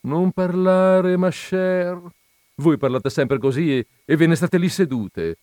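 A man's voice: fairly high pitch, slow pace, dark tone, no room sound, clean studio sound, voice pushed up. A man voicing a fussy, indignant older widow of a colonel, in a raised, sighing voice. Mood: coaxing.

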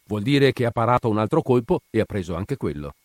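A man's voice: on the low side, expressive, brisk, darkish tone, no echo, clean studio sound, close to an everyday voice. A man voicing a dutiful, plain-spoken police sergeant reporting in a respectful manner.

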